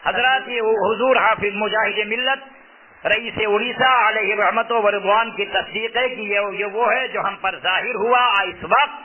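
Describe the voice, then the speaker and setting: At normal speed, a male preacher with a high voice delivers a sermon explaining a fatwa, emphatic and repetitive with his key phrases. A loudspeaker microphone held close to his mouth gives a tinny, phone-style sound.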